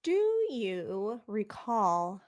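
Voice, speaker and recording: Podcast co-host: woman, mid-range pitch, casual and wry, keeps her answers short. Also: drawn-out words. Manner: dry, brief, wry replies.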